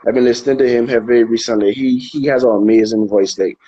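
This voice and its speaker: A man from Anguilla, a soca artist chatting casually in an interview, relaxed and hesitant, often repeating words while he thinks. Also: mid-range voice, quick pace, slightly rough, highs cut off. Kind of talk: casual interview over a live video call. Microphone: phone on a live video stream.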